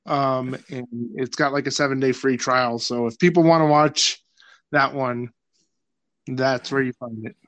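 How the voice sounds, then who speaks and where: A man's voice: medium pitch, steady tone, a little slow, fairly bright tone. A man guesting on a podcast, chatting casually in a laid-back, rambling way, laughing often and swearing freely. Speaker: podcast guest, film director.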